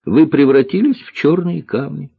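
A man with a husky voice voicing a calm, wry, knowing young girl in an audiobook story. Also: a little high, normal speed, no echo, voice pushed up, exaggerated voice. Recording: dull lo-fi dry recording.

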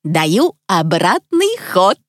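A woman voicing a calm, wise magical clock creature who speaks in a steady, reassuring tone. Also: fairly low pitch, drawn-out words, no room sound, clean studio sound, full character voice.

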